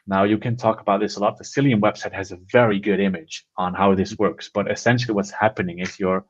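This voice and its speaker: A lower-pitched man talks through a casual tech conversation with eager enthusiasm. He rambles and restarts his sentences as he goes. The recording sounds a little dull and lo-fi. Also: fairly even intonation, fast talker. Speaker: podcast co-host.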